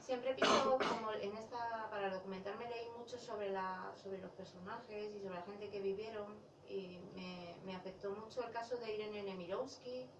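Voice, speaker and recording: At a bookshop presentation, a woman chats casually about her novel, laughing as she talks and often restarting or correcting herself. Her mid-range voice is fairly even, at a normal speed with few pauses. She sounds somewhat far from the mic, the room adds a noticeable echo, and a faint hiss lies underneath.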